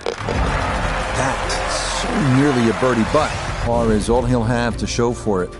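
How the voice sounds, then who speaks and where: A man's voice: mid-range voice, takes it slowly. A man working as a golf commentator, calling shots and describing holes in a conversational, wry way. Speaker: golf commentator, lead announcer. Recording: music and crowd behind the voice. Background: music and outdoor crowd ambience.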